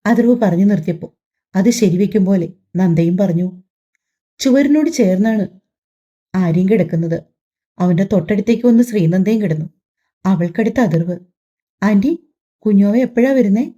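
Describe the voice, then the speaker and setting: A woman reading a family drama audiobook aloud, telling the story softly and voicing every character herself. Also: medium pitch, normal speed, pauses often, dull audio. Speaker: audiobook narrator.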